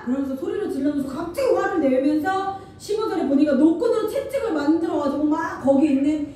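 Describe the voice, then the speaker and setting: Woman pastor, high, mellow voice, animated sermon; heavy church echo, distant mic. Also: fast talker, a little hiss or hum. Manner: animated preaching, acting out Jesus's angry words. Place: church sanctuary. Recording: echoey church hall, voice from far off the mic.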